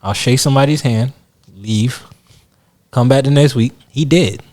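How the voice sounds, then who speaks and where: A man co-hosting a podcast, telling loose slang-heavy stories in casual chat that often trail off quietly. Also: medium pitch, moderate pace. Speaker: podcast co-host.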